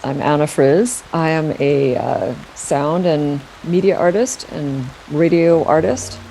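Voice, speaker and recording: A woman's voice: sits low, takes it slowly, dark tone, a little hiss or hum, low-quality recording. A woman, a sound artist and professor, recalling things in a chatty, loose interview manner. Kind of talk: casual interview recollection.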